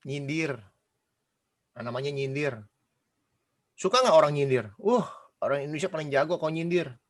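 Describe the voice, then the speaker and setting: A man preaching in a loose, conversational style, his voice sitting a little on the high side. He keeps firing questions at the congregation and slips into playful impressions of people gossiping. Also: normal speed. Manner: animated, quizzes the congregation, mimics gossip. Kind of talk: casual sermon.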